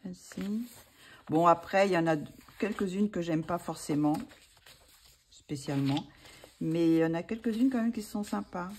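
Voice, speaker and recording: Showing off coloring books in a casual vlog chat, a woman speaks with a fairly low, slightly mellow voice at a moderate pace, pausing often. Slight background noise sits beneath her hesitant, filler-laden thinking aloud.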